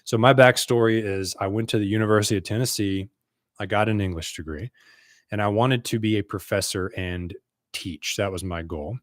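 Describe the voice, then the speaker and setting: Speaking straight to camera, an American man in his thirties who works as a business coach shares his personal story in an earnest, conversational tone. He talks at normal speed in a lowish voice, and the studio-quality audio has no echo.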